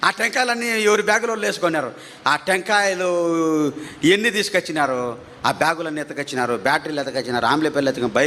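A man preaching his testimony as a story, animated, his pitch climbing at tense moments, repeating phrases for emphasis. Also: slight background noise.

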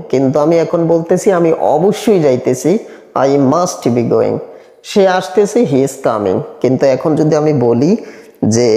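A man teaching a spoken English grammar lesson, repeating example sentences slowly and deliberately. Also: fairly high pitch, warm tone. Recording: echoey room with long reverb.

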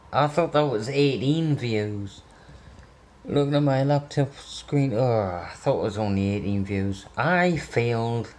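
A man's voice: medium pitch, low-quality recording. A man from North East England, chatting bluntly in a sweary, casual vlog. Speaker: vlogger.

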